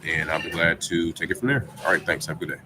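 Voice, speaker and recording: A man with a very low voice leaves a voicemail, running through a friendly, practiced sales pitch with the odd "um" along the way. A steady noise sits under the recording. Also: fast. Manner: friendly, scripted phone pitch with fillers. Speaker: real estate investor calling property owners. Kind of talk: leaving a voicemail.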